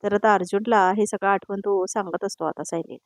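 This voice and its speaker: A woman recaps a TV serial in a chatty, opinionated voice-over that keeps repeating its connecting words. Her medium-pitched voice is recorded dry and close, with no room sound. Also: fairly even intonation, a little fast, dry recording. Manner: conversational, opinionated, repetitive connectives. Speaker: serial review narrator.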